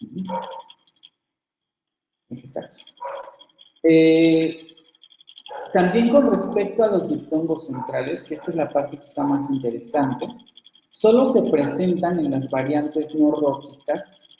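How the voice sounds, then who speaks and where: A man's voice: a little high, expressive, slow, vocal fry, pauses often. A man from Mexico giving an online university lecture on phonetics, explaining patiently with many fillers and restarts. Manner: explanatory, frequent fillers and self-corrections. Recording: echoey, dull lo-fi online class audio.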